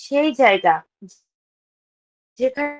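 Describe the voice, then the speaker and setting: A woman from West Bengal presenting an online class, her audio choppy and cutting out over a bad connection, speech coming in halting fragments. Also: sits high, animated. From West Bengal, India. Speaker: session presenter. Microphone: video call.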